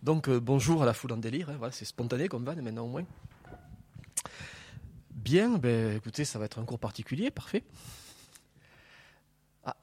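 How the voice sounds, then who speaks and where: A man's voice: mid-range voice, lively intonation, moderate pace, long pauses, a little mellow, husky. A man with a southern French accent from Toulouse, a laser researcher giving a public science lecture to an audience into a wired microphone, joking and explaining with everyday images.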